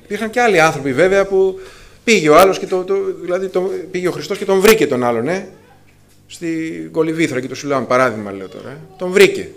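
Male preacher, slightly high voice, fervent, halting with fillers and restarts. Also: expressive. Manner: addresses listeners as brothers, rising to fervent emphasis; many filler sounds and restarts. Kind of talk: sermon to a congregation.

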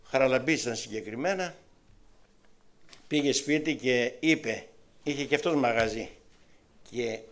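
A man from Greece preaching and telling testimony stories, with lively storytelling that swings between loud and soft. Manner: animated storytelling with wide swings in pitch and loudness. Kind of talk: testimony sermon.

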